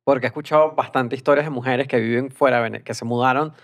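A man's voice: mid-range voice, steady tone, fast talker. A man, co-hosting a casual chat, talking hesitantly with many fillers. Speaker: podcast co-host.

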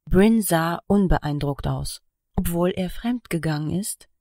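A woman with a low, deep voice narrates a novel in a calm, even read. The sound is dry and close, with no room around it. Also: measured pace, no echo. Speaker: audiobook narrator. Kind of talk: scripted narration.

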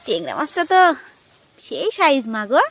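A woman with a Sundarbans Bengali accent chats to her viewers while walking outdoors in the village. Her voice sits high and she talks casually, pointing things out as she goes, recorded on a handheld phone. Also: big pitch swings, normal speed. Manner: chatty, addresses viewers as friends. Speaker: vlogger. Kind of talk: casual vlog narration.

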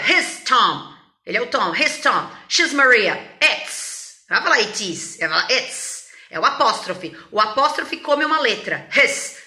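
Brazilian woman English teacher, playful and animated, bright voice, slightly high, echoey room. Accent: Brazilian Portuguese. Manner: animated and playful, switches between Portuguese and English examples. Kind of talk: lively private-lesson style teaching.

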